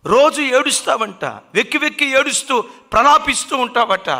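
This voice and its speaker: A male pastor telling a sermon story, acting out the characters and swinging between loud cries and low murmurs. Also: animated, normal speed, vocal fry. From India.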